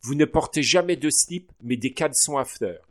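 A man voicing a pompous school director in a storybook reading, raising his pitch and booming proudly. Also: normal speed, close to an everyday voice.

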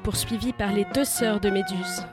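A woman's voice: medium pitch, fairly even intonation, normal speed, over music. A woman storyteller giving scripted narration of a myth for young listeners, vivid and lifting with the action.

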